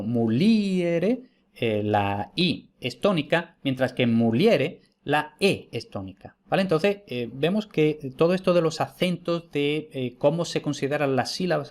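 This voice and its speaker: A man's voice: on the high side, darkish tone. A man from teaching historical grammar in an informal online lecture, explaining patiently, repeating key points and checking in with his listeners.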